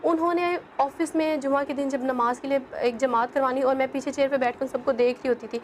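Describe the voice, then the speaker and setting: A young woman from Pakistan with a high, light voice tells her own story as an interview guest. She speaks earnestly and keeps assuring the listener to believe her. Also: steady tone, slight background noise. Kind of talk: personal testimony in an interview.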